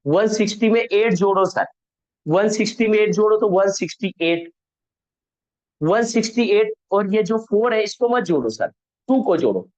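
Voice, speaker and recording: A man's voice: high-pitched, animated, moderate pace, a little mellow, dull audio. A man teaching a networking class online. He asks the class questions, answers them himself and corrects his own slips. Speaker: networking instructor.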